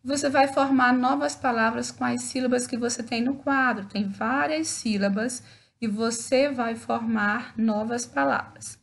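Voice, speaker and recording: A woman's voice: fairly high pitch, steady tone, unhurried, gravelly. A Brazilian woman teacher giving a recorded lesson to schoolchildren, patiently spelling out words syllable by syllable and checking in after each point. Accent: Brazilian Portuguese.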